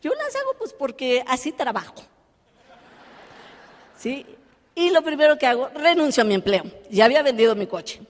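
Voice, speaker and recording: A woman speaks from a stage, her fairly high voice carrying into a large hall with a long reverb tail. She tells her story with lively animation and slips into the voices of the people she quotes. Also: normal speed, pauses often. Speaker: motivational speaker. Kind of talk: live motivational talk.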